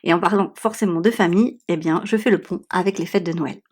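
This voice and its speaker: A woman's voice: lowish voice, brisk, darkish tone, slightly rough. A woman podcast host talking reflectively and conversationally, with a small, stuffy-nosed voice affected by swollen tonsils. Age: adult, has children. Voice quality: congested, slightly nasal small voice. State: sore throat, swollen tonsils, blocked stuffy nose. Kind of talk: conversational solo podcast monologue. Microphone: newly bought podcast microphone.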